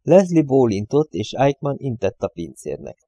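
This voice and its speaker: A male audiobook narrator reading in a steady, plain way, with a mellow, warm voice. The sound is close and dry, as if from a small home studio. His pitch sits in the middle. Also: vocal fry, breathy edge, no room sound.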